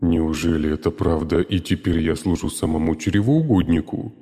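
A man voicing a foul-mouthed, hyperactive male cucumber servant in an audiobook, shouting crudely and excitably. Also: deep voice, normal speed, big-room sound. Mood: rowdy. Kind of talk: audiobook character voice.

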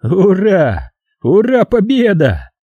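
A man voicing a hardened veteran soldier who shouts frantically, pitched well above his own voice. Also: wildly swooping pitch, slow, breathy edge, no echo, highs cut off, exaggerated voice. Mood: mocking.

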